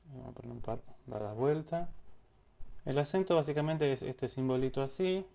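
A man's voice: mid-range voice, normal speed, creaky, warm tone. A man teaching a casual music theory lesson, explaining step by step and singing syllables to show rhythms.

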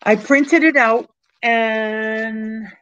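A woman's voice: on the high side, steady tone, drawn-out words, a bit bright. A woman in her sixties hosting a casual live-stream auction from home, chatting unhurriedly and thanking viewers by name over a webcam. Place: small room at home, indoors. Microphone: webcam on a computer, video call. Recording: dull lo-fi webcam audio.

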